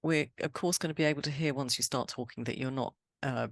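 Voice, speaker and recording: A woman from England hosting a poetry podcast, talking in a chatty, brisk, cheerfully emphatic way and interviewing a guest. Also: very deep voice, no echo, studio quality. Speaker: podcast host.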